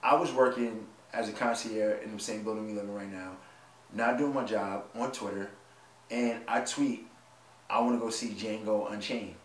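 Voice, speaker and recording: A man's voice: fairly low pitch, fairly even intonation, moderate pace. A man in his twenties co-hosting a casual couples vlog, joking and laughing often as he tells stories. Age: 20s. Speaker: vlog co-host. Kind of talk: casual chat. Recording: echoey room, mic at a distance, faint noise.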